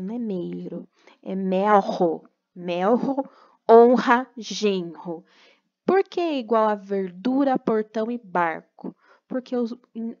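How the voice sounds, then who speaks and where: A woman's voice: mid-range voice, highs cut off. A woman from Brazil teaching a remote class, patiently explaining step by step and checking in with tag questions.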